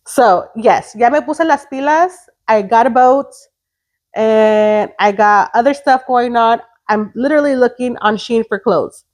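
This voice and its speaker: Blunt and given to swearing, a late-thirties woman co-hosts a laid-back chat podcast, mixing Spanish words into her English. She speaks at a measured pace in a voice on the high side with a darkish tone.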